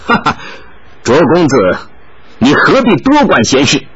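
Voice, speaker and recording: A man's voice: a little high, wildly swooping pitch, unhurried, a bit bright, lo-fi sound, heavily acted. A man voicing a sly, grinning young man who teases and taunts. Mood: mocking. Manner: teasing, mocking.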